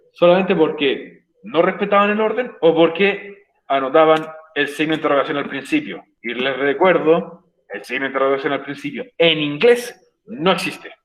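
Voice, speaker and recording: In a virtual English lesson, a Chilean-accented man gives an online class explanation, emphatically repeating his points and asking "ok?" again and again. His voice is a little high and fairly bright. The low-quality recording has a reverberant sound.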